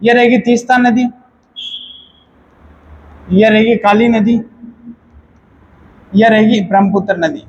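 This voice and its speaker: A man's voice: very high-pitched, poor audio. A male teacher giving an exam-prep geography lecture in a casual explaining tone. He often repeats key terms back as quiz questions and corrects himself mid-sentence.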